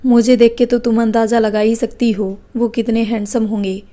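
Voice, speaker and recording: A woman's voice: fairly high pitch, level tone, normal speed, dark tone, lightly acted. A woman voicing a cheeky young man on a train who teases and mocks in playful banter. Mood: teasing.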